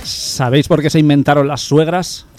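A man's voice: fairly high pitch, fairly even intonation, moderate pace, music in the background. A young man co-hosting a community radio humor show, telling jokes and quizzing his co-hosts playfully.

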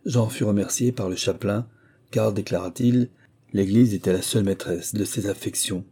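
A man narrating a classic novel in a measured, even reading style. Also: lowish voice, husky. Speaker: audiobook narrator. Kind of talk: scripted literary narration.

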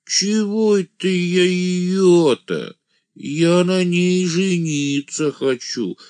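Man putting on a high drawling village holy fool. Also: a little mellow, clean tone, no echo, clean studio sound. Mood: naive. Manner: singsong, drawn-out and naive. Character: simple-minded village man who thinks he is an angel of death, childlike. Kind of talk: audiobook character voice.

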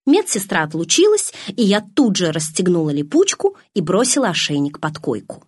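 A woman narrating a novel in the first person, with expressive storytelling. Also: lowish voice, normal speed, slightly rough, no echo, clean studio sound. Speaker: audiobook narrator.

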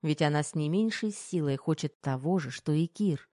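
A woman narrating a novel in steady, even audiobook style. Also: low voice, moderate pace, no room sound, studio quality. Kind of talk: scripted narration of a romance novel.

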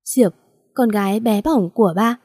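A bitter, vengeful middle-aged father hurls loud accusations, as a woman storyteller voices him. His voice is warm and mellow, recorded dry and close with no room sound. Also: mid-range voice, moderate pace, no room sound, natural voice. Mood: tender, tearful.

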